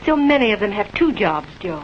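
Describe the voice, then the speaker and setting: Actress as animated, knowing 1940s wife. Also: female voice, mid-range voice, fairly quick, close to an everyday voice. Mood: gently prompting. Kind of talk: 1940s instructional film acting. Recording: muffled, hissy 1940s film soundtrack.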